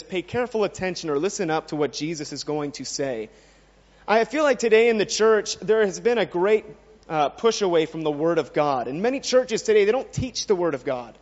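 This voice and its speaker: High-voiced man preaching in a hall. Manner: earnest, asks the listeners many questions. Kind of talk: sermon. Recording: dull sound with long reverb in a hall.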